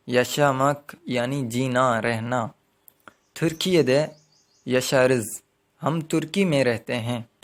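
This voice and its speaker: A man with a Pakistani Urdu accent teaching a grammar lesson, speaking deliberately and repeating each example with frequent hesitations. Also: medium pitch. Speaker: language teacher. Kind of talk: slow grammar lesson explanation.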